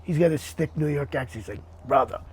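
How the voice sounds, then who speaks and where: Podcast host, man, husky voice, slightly high pitch, relaxed, stumbles and repeats words. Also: fast. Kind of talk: casual interview chat.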